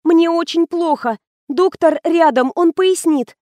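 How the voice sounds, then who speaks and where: A woman's voice: very high voice, a little slow, mellow, no echo, pitched above the performer's own voice. A woman reading the part of a flustered young woman writer who bursts out in exclamations. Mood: feigning illness. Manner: exclaiming, tearful.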